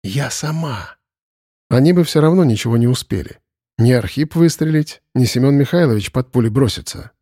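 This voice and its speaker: A man narrating a dark fantasy audiobook in a measured, dramatic reading. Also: medium pitch, animated, dry recording, clean studio sound.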